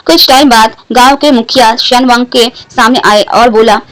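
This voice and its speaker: A woman's voice: on the high side, fairly even intonation, moderate pace, fairly bright tone, no room sound, poor audio. Woman narrating a story, close and dry. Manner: narrates and voices all characters lightly without strong character voices. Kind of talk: storytelling narration of fan fiction.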